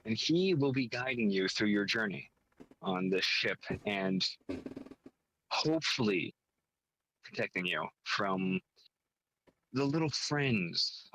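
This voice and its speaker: Gravelly-voiced man co-hosting a podcast. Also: lively intonation, slow pace, long pauses, pushed and bright, a little hiss or hum, rough recording. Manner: jokey, pitches a game idea. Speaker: podcast co-host. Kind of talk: casual chat.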